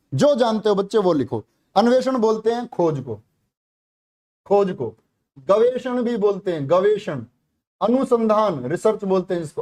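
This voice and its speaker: A man's voice: sits high, a little mellow. A male teacher from giving a classroom lesson, repeating each word and asking the students questions.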